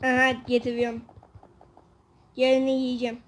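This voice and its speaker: A woman playing a video game with a friend, loud and silly, shouting and singing nonsense sounds. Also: sits high, completely flat delivery, normal speed. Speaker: co-player. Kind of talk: casual gameplay chat.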